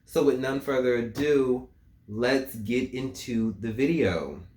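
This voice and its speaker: A man's voice: medium pitch, darkish tone, a little hiss or hum. A man breaking down a song as a music reviewer, talking it through in a casual, musing way. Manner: slow, musing, reads lyrics aloud. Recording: roomy, echoey room.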